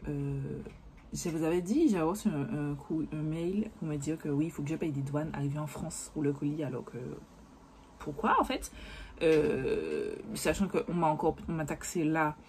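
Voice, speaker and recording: A woman's voice: sits low, animated, moderate pace, a little mellow, slight background noise. A young woman talking casually to her viewers about makeup, rambling and cursing freely when annoyed. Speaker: beauty vlogger. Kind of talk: casual chat to camera.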